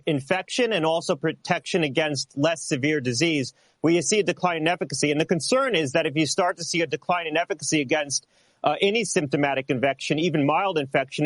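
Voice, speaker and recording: A man's voice: a little high, no echo. A man speaking fluently and explanatorily in a played clip from an interview.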